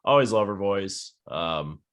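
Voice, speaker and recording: A man co-hosting a casual podcast chat over a video call, relaxed and laughing often. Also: lowish voice, unhurried. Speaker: podcast co-host.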